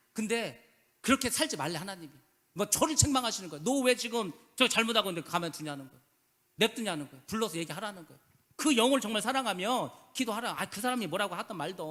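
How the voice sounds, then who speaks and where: Fast, bright-voiced man preaching in a reverberant hall. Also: high voice. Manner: emphatic, rhetorical questions, casual speech endings. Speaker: pastor. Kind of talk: sermon. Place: church sanctuary.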